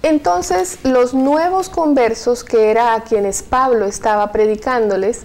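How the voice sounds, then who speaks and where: A woman from Colombia speaks slowly and carefully as a guest in a Bible study talk. Her voice sits a little high but sounds dark and mellow. She explains step by step and checks in with short tags. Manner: measured, explanatory, frequent "¿no?" tags. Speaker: guest, university staff. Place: TV studio.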